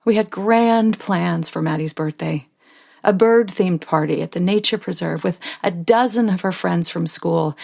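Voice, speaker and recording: With a gravelly, mid-range voice and a wistful mood, an American woman plays a devoted, stressed-out mother to a little girl in a first-person audio drama. She speaks confidingly and expressively, moving from tenderness to exasperation.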